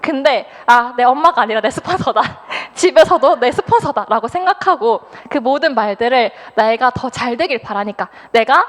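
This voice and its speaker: Woman, 20s, high lively testimony voice, speaking in a reverberant hall. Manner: animated, acts out quoted thoughts, laughs often. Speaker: business speaker. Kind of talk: personal testimony talk.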